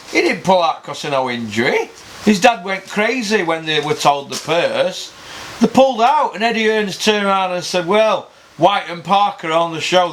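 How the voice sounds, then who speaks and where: A man with a fairly high, slightly bright voice hosts his own boxing talk show, with a faint hiss or hum in the audio. As the boxing pundit, he rants bluntly and casually, airing opinions with plenty of swearing and rhetorical questions.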